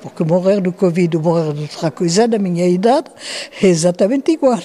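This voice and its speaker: Elderly woman, nineties, mellow voice, reflective. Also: fairly low pitch. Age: 90s. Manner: slow, thoughtful, with hesitations and restarts. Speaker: interviewee. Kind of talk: reflective interview answers.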